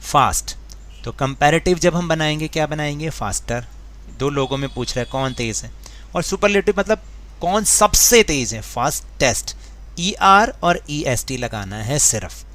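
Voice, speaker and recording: A man's voice: on the high side, expressive, fairly bright tone. A man teaching an English grammar worksheet in Hindi, patiently repeating rules, spelling words letter by letter and asking the class questions. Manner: mixes Hindi with slowly read English sentences; asks the class rhetorical questions.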